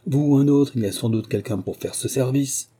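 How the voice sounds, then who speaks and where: A man voicing an insolent, defiant young boy in a storybook reading, loud and defiant. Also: mid-range voice, fairly quick, breathy edge, voice pushed up, close to an everyday voice. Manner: raised, shouting, defiant.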